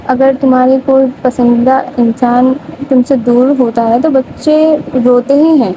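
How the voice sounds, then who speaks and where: A woman's voice: high-pitched, level tone. A young woman retelling a love story in a loose, chatty way, full of casual fillers. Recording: dull lo-fi audio with faint noise.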